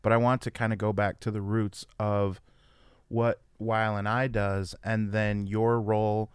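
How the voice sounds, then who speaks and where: A man's voice: lowish voice, flat delivery, unhurried, clear, resonant tone, no echo, studio quality. A man hosting a podcast, asking rambling questions and laughing easily. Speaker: podcast host. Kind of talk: casual interview chat.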